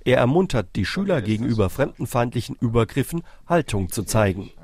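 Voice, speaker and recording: A male reporter reading a scripted news report voice-over in an even, measured way. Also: mid-range voice.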